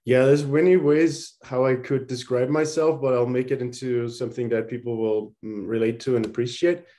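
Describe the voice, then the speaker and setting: A middle-aged man from Austria, a psychologist guest speaking in an earnest, reflective way with halting restarts. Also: medium pitch, fairly even intonation, dark tone. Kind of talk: conversational interview.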